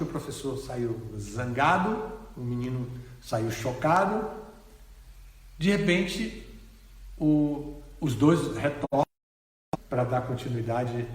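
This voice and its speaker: A man, a swami giving a lecture, telling a story in an animated way with expressive pauses. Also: a little high. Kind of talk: sermon storytelling. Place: ashram hall. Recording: echoey hall reverb.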